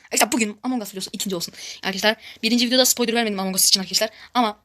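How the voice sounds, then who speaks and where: A woman giving casual gameplay commentary as a YouTuber, excitable and shrieking when frustrated. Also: medium pitch, rapid-fire. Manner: excitable, repeatedly addresses viewers as friends. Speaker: gaming YouTuber.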